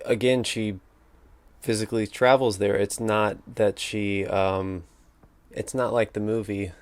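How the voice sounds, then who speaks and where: Flat-voiced man musing over a book. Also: on the low side, no room sound. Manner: thinking aloud, hesitant, self-correcting. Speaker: podcast host. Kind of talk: casual solo book discussion. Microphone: battery-powered microphone.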